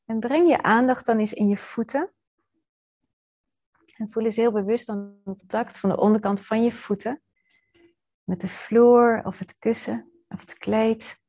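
A woman leading a guided body-scan meditation as a teacher, gently and soothingly with pauses, in a slightly husky, breathy voice. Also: fairly high pitch, fairly even intonation.

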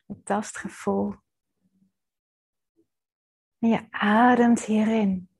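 A woman leading a guided body-scan meditation as a teacher, gently and soothingly with pauses, in a slightly husky, breathy voice. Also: medium pitch, flat delivery.

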